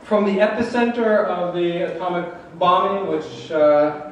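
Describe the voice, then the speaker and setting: A man interprets slowly and haltingly, his voice pitched a little high for a man. He sits far from the microphone in a strongly echoing hall, with faint noise underneath. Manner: halting, many fillers and restarts. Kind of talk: consecutive interpretation at a talk.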